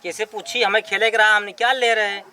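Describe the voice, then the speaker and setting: A man's voice: high-pitched, level tone, fast talker, sharp tone. A man with an Awadhi accent playing a gambling, drinking village husband who cajoles and boasts in a comedy skit. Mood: evasive.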